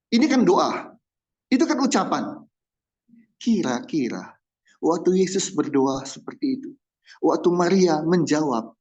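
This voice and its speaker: Male pastor preaching, measured pace, playful mimicry of shouted prayers, muffled lo-fi sound. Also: fairly high pitch. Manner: animated, mimics loud demanding prayers with laughter. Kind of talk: sermon.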